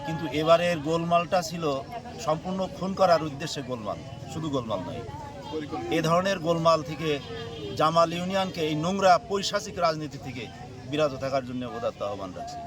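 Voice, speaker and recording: A man giving a solemn, formal and somewhat halting public condolence statement as a local political figure. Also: on the high side, animated. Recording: outdoor crowd noise.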